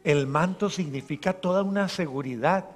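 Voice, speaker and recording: A man preaching a homily as a parish priest, acting out voices and swinging from soft to loud. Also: on the high side, normal speed. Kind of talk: sermon. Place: large church. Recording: long church reverb.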